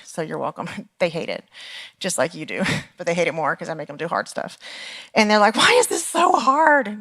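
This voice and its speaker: A woman with an American accent, leading a church teaching session in a chatty, playful way, laughing often and rising high when excited. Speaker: women's ministry leader. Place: church meeting room.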